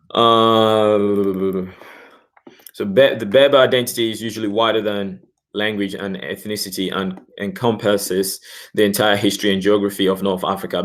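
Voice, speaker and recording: A man hosting his own channel, talking through a subject in a casual monologue, often adding "okay" and "you know" and stumbling as he reads passages aloud. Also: low-pitched. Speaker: YouTube channel host.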